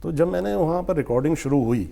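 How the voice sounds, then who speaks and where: An older man being interviewed as a guest poet, telling stories at an unhurried pace and acting out what others said to him. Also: a little high, animated, vocal fry, mellow. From India. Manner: unhurried anecdotes, acting out quoted speech. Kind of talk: storytelling interview.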